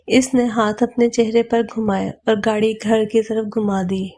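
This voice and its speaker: A woman narrating a romantic novel as a steady, scripted audio reading. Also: on the high side.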